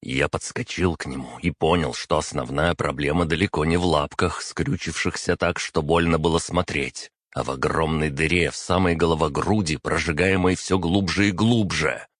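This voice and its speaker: Very deep-voiced male audiobook narrator. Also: no echo, studio quality. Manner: measured, steady storytelling. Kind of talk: first-person fantasy audiobook narration.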